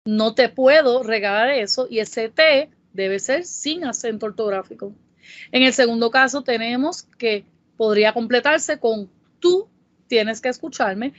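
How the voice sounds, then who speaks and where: A woman with a Puerto Rican Spanish accent, narrating a Spanish grammar lesson in a careful, explanatory way and reading example sentences slowly. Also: fairly high pitch, dry recording. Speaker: Spanish tutor. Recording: dull, dry voice-over.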